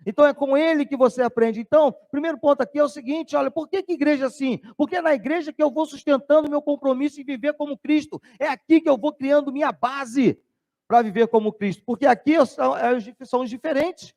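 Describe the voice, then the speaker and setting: Male pastor preaching, high pitched, animated, Brazilian Portuguese accent. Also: fast, gravelly. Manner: animated preaching, drops voice low to tell stories. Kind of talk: sermon.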